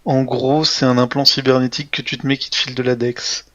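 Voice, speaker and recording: A man running a tabletop game as game master, talking in a relaxed, hesitant way with many fillers. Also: mid-range voice, brisk, no echo, muffled recording.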